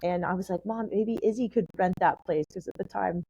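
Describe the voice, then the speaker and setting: Warm and husky, her medium-pitched voice runs a little fast, though the audio is dull. The San Diego native is a guest on a podcast, spinning lengthy stories about her life with plenty of "like" fillers and a loose, talkative style.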